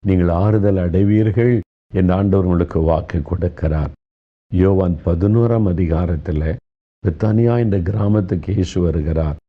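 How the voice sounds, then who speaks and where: A man preaching a devotional sermon, slow and earnest, consoling his listeners and speaking to them directly. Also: sits low, phone-quality sound.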